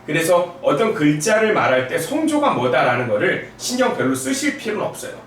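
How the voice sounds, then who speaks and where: A middle-aged male professor giving a recorded lecture. He is relaxed and chatty, adds asides, and demonstrates sounds by sliding his voice up and down. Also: brisk, a little hiss or hum. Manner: demonstrates sounds with sung pitch glides. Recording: echoey room from a distance.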